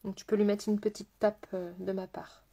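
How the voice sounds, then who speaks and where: Chatting away during a live makeup session, a woman greets her viewers by name and repeats phrases as she works. She speaks at a medium pitch in a level tone with vocal fry, occasionally dropping into a slow, soft, almost hypnotic murmur.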